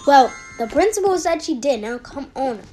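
A woman's voice: sits high, expressive, music in the background. A woman doing a flustered, alarmed mom. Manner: alarmed and hurried. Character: anxious, flustered mother. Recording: noisy home recording.

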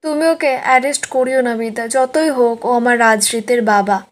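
A woman's voice: a little high, normal speed, natural voice. A woman quoting a tearful middle-aged wife who begs on her husband's behalf. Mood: pleading. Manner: begging and imploring.

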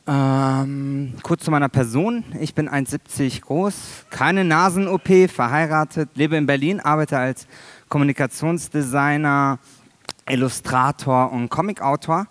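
Thirties man presenting his own work on stage, halting and dry-humored, dry close sound. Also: on the high side, no echo. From Iran. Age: 30s. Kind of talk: conference presentation. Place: large dark auditorium stage. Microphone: headset mic.

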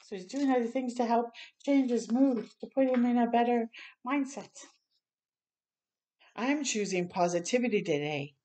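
An older woman reads a picture book aloud for a children's storytime, tossing in encouraging, chatty asides. Her voice is a little high with a dark tone, at normal speed. She's indoors in a small room at home.

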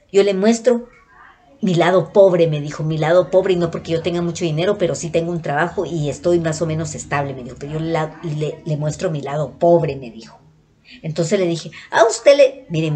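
A Guatemalan woman talks straight to her viewers in a relaxed vlog. Her voice sits a little low, and she keeps retelling a conversation in a chatty, looping way. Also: breathy edge. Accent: Guatemalan Spanish. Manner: chatty, retells dialogue, keeps addressing viewers as "mis amores". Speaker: vlogger. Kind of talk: casual storytelling to viewers.

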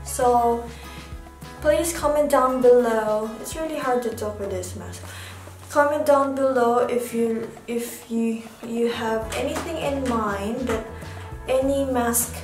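A woman vlogging in a slow, halting casual way while wearing a sheet face mask over her face. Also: a little high, darkish tone, echoey room, faint music behind. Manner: unhurried, halting, non-native phrasing. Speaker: beauty vlogger. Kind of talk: casual vlog chat.

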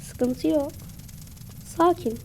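A woman giving casual, excitable commentary while playing a mobile game, repeating her cheers over and over. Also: high-pitched, drawn-out words, a little hiss or hum.

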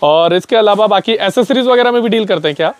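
High-voiced young man touring a shop. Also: fast, a little hiss or hum. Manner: chatty, repeats prices back, talks to viewers as brother. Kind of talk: casual shop tour vlog. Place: indoor auto parts shop and warehouse. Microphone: lapel mic.

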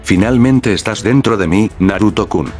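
Guy reading out a passionate woman in a story, deep voice, even and flat, faint music behind. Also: moderate pace, natural voice. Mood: breathless pleading. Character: adult woman, a passionate lover.

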